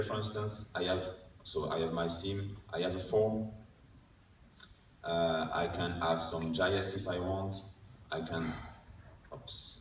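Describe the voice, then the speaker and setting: A man who is a non-native English speaker gives an informal technical lightning talk, explaining step by step and often checking in with a short tag question. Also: low-pitched. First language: not English. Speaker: conference speaker. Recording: distant mic, echoey room, faint noise.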